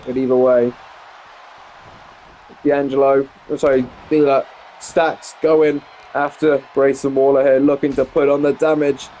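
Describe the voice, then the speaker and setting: A man's voice: mid-range voice, level tone, moderate pace, hardly any pauses, mellow, a little hiss or hum. A young English man casually commentating a wrestling video game, rambling and correcting himself with frequent exclamations. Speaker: gameplay commentator.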